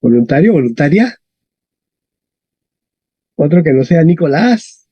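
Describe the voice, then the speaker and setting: A man teaching a classroom lesson, talking in a lively way and often adding tag questions. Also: a little high, measured pace, slightly rough, dry recording. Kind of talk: classroom lesson on Latin stress. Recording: dull, dry lo-fi sound.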